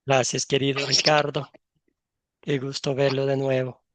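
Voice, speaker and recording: A man's voice: mid-range voice, completely flat delivery, measured pace, no echo. A man moderating an online Bible class, welcoming each student by name and calling on them in turn. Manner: gently guides students, calls on each in turn.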